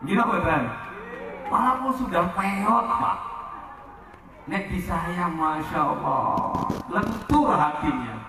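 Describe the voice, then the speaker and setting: A man preaching a humorous Islamic sermon, switching between loud exhortation and soft joking asides, sometimes chanting verses. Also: high voice, lively intonation, slow pace. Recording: echoey hall, voice from far off the mic.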